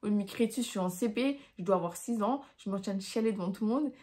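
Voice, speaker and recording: A woman's voice: medium pitch, fast talker, darkish tone. A young woman telling embarrassing personal stories in a casual, slangy, self-mocking way. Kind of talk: casual storytelling to camera.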